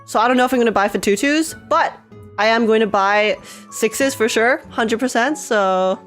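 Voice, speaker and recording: A woman live-streaming a game reaction in casual chat, chatty and excitable, repeating herself and laughing often, with a slightly stuffy nose from just waking up. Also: fairly high pitch, normal speed, faint music behind. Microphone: desk microphone with webcam.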